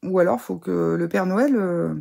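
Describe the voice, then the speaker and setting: A woman's voice: lowish voice, moderate pace, gravelly, mellow. A woman with a cold, chatting casually to camera as she unboxes and gushes over scrapbooking supplies. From France. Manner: enthusiastic, chatty, many fillers and gushing praise. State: sick, voice affected. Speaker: scrapbooking crafter reviewing a subscription box.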